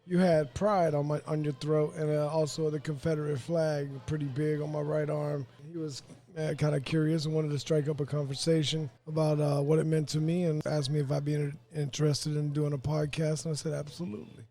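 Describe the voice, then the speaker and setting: A man's voice: on the high side, level tone, a little fast, dark tone. A young man from Florida as a podcast guest, talking candidly and rambling with fillers in a casual interview. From Pine Hills, Florida. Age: young adult.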